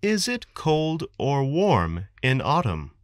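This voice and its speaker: American guy reading english lesson questions, slow and clear, lively pitch. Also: no room sound, studio quality. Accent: General American. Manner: clear, deliberate enunciation for learners. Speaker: textbook dialogue reader. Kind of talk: slow scripted textbook reading.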